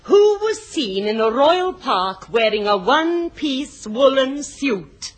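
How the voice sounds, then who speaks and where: Swooping, gossipy fashion reporter. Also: female voice, sits high, sing-song, takes it slowly, music in the background, heavily acted. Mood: arch, gossipy. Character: gossipy female fashion reporter delivering inside news. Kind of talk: old radio comedy acting. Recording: very noisy old AM radio.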